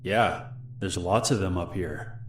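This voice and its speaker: A deep-voiced man reading as a wary young girl. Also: slow pace, echoey room, slight background noise. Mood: guarded. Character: wary young girl hiking with her dog.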